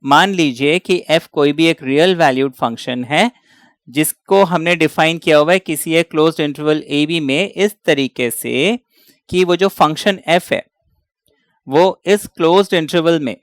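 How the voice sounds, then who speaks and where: A man's voice: on the high side, dry recording. A man teaching a maths lesson step by step, asking questions and then answering them himself. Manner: slow, step-by-step, asks and answers his own questions. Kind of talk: explaining a lesson, mixing Hindi and English.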